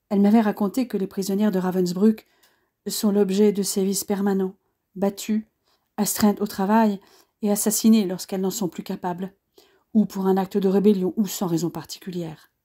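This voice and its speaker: A woman narrates a first-person audiobook with a measured, earnest delivery. Her voice is mellow and dark-toned, and her pitch sits in an ordinary middle range.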